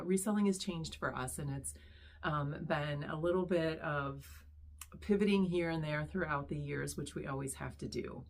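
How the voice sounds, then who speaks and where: A middle-aged woman, hoarse after losing her voice, chatting casually as she introduces her reselling channel with many pauses and ums. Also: deep voice. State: hoarse, recovering lost voice. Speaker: online reseller, channel host.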